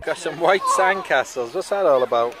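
A man's voice: on the high side, animated, moderate pace, heavy background noise. A man vlogging his family's beach day outdoors, talking into a handheld phone with an upbeat, jokey running commentary. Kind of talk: casual family vlog chat. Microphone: handheld phone camera.

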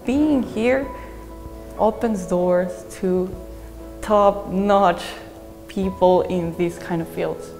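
A young woman, a graduate student speaking earnestly in a measured way with thoughtful pauses in an interview testimonial. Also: lowish voice, gravelly, a little mellow. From Peru. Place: bright indoor university hallway with large windows. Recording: long reverb with faint music behind.

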